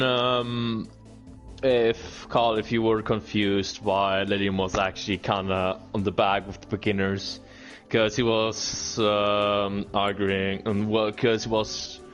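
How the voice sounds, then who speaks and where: Slow, low-voiced man on a dull mic. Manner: halting, with many fillers and restarts. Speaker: sim racing league driver. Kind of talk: casual post-race chat on a livestream.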